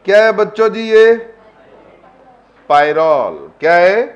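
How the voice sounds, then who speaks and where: Animated yet slow, a high-pitched man teaches an online class live, posing the same questions again and again. He speaks to his students with coaxing affection, recorded in lo-fi.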